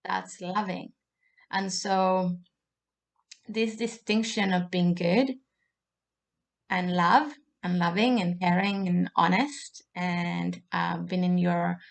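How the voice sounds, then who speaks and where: A woman from Argentina, a love coach, talking in a thoughtful, searching way, with pauses and restarts. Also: on the low side, steady tone, creaky. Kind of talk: reflective personal monologue.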